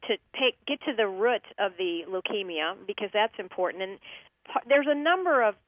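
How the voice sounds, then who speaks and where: Woman, phone guest, relaxed, friendly, fillers, tinny phone line. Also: medium pitch, moderate pace, no echo. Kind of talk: casual radio interview over the phone. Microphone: telephone.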